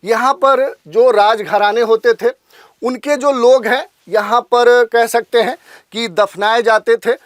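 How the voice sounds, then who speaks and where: A lecturer giving a steady explanatory lesson for exam preparation, often restating points with filler phrases. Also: medium pitch, takes it slowly, no room sound, clean studio sound.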